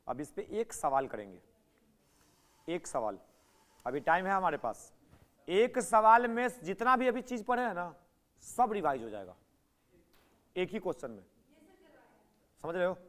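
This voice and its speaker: Male physics teacher, high pitch, classroom lecture, keeps pushing students to answer. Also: very animated, moderate pace, pauses often, fairly bright tone. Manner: prodding students to answer, repeating points.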